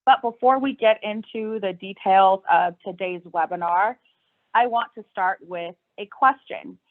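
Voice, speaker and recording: A young woman, an employment lawyer, presenting a webinar agenda in a clear, organized way. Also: medium pitch, measured pace. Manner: clear, organized, steady delivery. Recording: tinny phone-like line.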